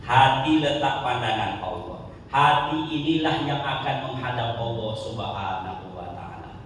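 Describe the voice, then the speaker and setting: A man preaching a sermon in a lively, joking way, sometimes chanting his phrases. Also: mid-range voice, measured pace. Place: mosque. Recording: echoey hall from far off, faint noise.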